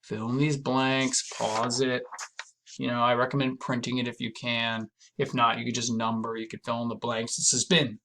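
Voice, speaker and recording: A man's voice: medium pitch, level tone, moderate pace, sharp tone. A man, a physics teacher, walking students through a homework problem in a casual, chatty, reassuring recorded lesson.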